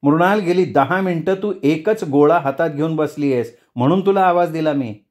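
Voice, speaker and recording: A worried, loving mother, middle-aged, coaxing and then stressing every word with firm patience, as a male storyteller puts her on. Her voice sits a little higher than his usual telling. It is a gentle, homely voice from a spoken story. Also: normal speed, lightly acted. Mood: insistent. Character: caring anxious mother, woman, middle-aged.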